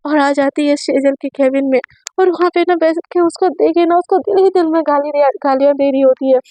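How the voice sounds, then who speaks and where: A woman telling a serialized romance story in a chatty, animated way, talking to her listeners as friends. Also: high-pitched, fairly quick. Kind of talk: casual serialized story narration.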